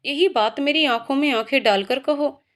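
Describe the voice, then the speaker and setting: A woman's voice: high-pitched, normal speed, natural voice. A woman voicing a playful young male professor. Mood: pleading. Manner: teasing, coaxing. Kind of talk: storytelling voices.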